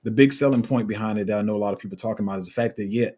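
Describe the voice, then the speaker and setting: A man hosting a crypto livestream, casually reading out viewer comments in a relaxed, rambling way with lots of fillers. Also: on the low side, very fast, breathy edge.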